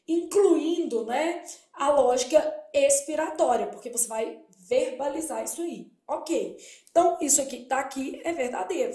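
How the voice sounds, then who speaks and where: A woman's voice: high voice, warm tone. A woman teaching a Portuguese exam-prep lesson, posing questions and answering them herself. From Brazil. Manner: explanatory, asks and answers her own questions. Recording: echoey room.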